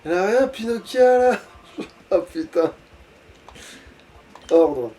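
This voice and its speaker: A man's voice: sits high, expressive, takes it slowly, mellow. A young man giving casual, sweary commentary as he plays a video game.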